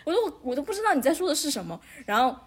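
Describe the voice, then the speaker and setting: A woman's voice: sits high, big pitch swings, racing. A woman telling a long story in casual chat, rambling with many restarts.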